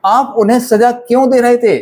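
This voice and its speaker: A man's voice: very high-pitched, fairly even intonation, moderate pace, warm tone. A male grammar teacher, giving a classroom-style lesson. He repeats each phrase and keeps quizzing his pupils as children.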